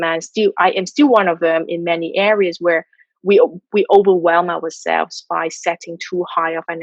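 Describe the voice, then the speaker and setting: A Malaysian woman with a fairly low voice appears as a guest on a video call from her home in Tokyo, answering questions about mindset and habits in an earnest, motivational way. The recording is dry and lo-fi.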